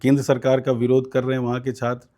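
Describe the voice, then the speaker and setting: A man with a mellow, dark-toned voice at a middle pitch. He is an interview guest telling a long personal story at an easy pace. He fills pauses with soft hesitations and acts out the voices of people in his story. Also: monotone. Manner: recounts events at length with many fillers and quoted voices. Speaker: student politician guest.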